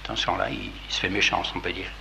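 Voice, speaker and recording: A man preaching softly, dropping to whispers. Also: low-pitched, steady tone, quick pace, vocal fry, a little hiss or hum. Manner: conversational, repeats phrases, drops to near-whispers for emphasis. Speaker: priest. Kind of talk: informal sermon.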